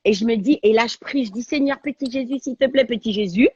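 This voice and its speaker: Husky woman telling a story excitedly. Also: on the high side, quick pace, no room sound, muffled recording. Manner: animated, slangy, dramatic retelling. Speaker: talk show guest, radio and TV presenter. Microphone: video call on a livestream.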